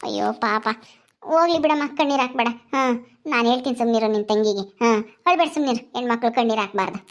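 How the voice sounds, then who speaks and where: A woman voicing a calm older mother-in-law who soothes and gently scolds in a family drama skit. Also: fairly high pitch, fast, natural voice. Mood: soothing.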